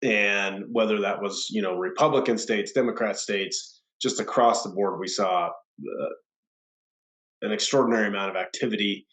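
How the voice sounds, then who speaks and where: A man's voice: lowish voice, moderate pace, fairly bright tone, reverberant, rough recording. A man with a stuffed-up, nasal voice, recovering from a cold, presenting on a video-call webinar. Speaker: senior vice president of government affairs.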